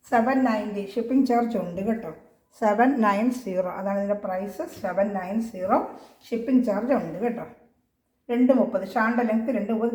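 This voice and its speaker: A quick-talking woman from Kerala shows off clothes in a casual home selling video. Her voice is mellow and rings in an echoey room. She pushes her volume up and keeps checking that viewers are following. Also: mid-range voice. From Kerala, India. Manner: chatty, reassuring, repeats tag questions; speaks as loudly as she can. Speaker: online clothing seller. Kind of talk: casual product showcase.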